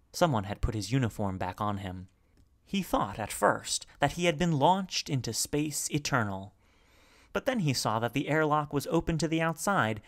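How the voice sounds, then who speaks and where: A man narrating a novel aloud at a measured, steady pace. He reads expressively, shaping each sentence with care. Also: on the low side. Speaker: audiobook reader. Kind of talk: scripted narration.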